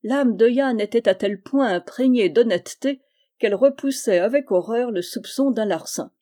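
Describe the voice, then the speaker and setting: A woman reading a novel aloud with measured, steady storytelling narration. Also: a little high. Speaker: audiobook reader.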